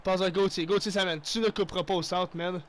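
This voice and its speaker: Young man, Québécois accent, fired-up hockey play-by-play, high voice, faint background noise. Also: fairly quick. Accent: Québécois French. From Quebec. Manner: excitable play-by-play, mixes English exclamations and Quebec swearing. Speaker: gaming YouTuber. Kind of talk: live hockey game commentary.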